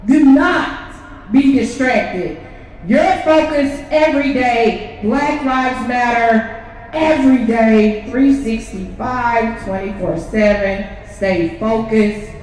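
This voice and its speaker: A woman giving an impassioned, chant-like protest speech with emphatic, drawn-out, half-sung phrases. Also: on the high side, darkish tone. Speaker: protest speaker. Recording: very echoey, distant, noisy outdoor crowd.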